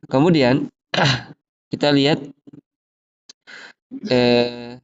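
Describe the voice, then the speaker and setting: Man teaching an Arabic lesson, lo-fi sound. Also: mid-range voice. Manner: slow, drawn-out drill reading of example phrases, then steady explaining.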